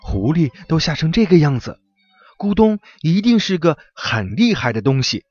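A man's voice: on the high side, very animated, normal speed, a little mellow, no echo, muffled recording, pitched above the performer's own voice. A man voicing a nervous little monkey, musing worriedly to himself.

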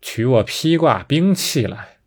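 男人扮演的凶悍魔王. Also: male voice, medium pitch, big pitch swings, slow pace, darkish tone, breathy edge, heavily acted. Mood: commanding. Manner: arrogant, scornful. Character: huge fierce male demon king.

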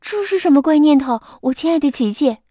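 A woman's voice: on the high side, animated, moderate pace, darkish tone, dry recording, clean studio sound. A woman voicing a doting, fussing mother crocodile in a storybook reading. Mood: worried. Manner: fussing, coaxing.

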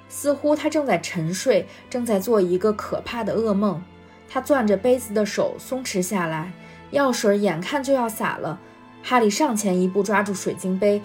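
A woman reading a storybook chapter aloud in a steady, expressive voice. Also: medium pitch. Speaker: guest reader.

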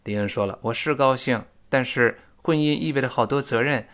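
A male English teacher giving an audio lesson, explaining pronunciation and slowly repeating English phrases to model them. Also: mid-range voice, fairly bright tone.

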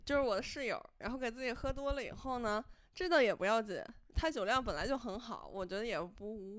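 A woman's voice: medium pitch, no room sound, studio quality. A woman podcast host, telling a story in casual chat and laughing as she goes.

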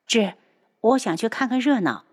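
一位女性朗读者演绎一位撒娇又嘴利的怀孕王妃。. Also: female voice, fairly high pitch, animated, moderate pace, slightly rough, pitched above the performer's own voice. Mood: coquettish. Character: spirited pregnant princess wife.

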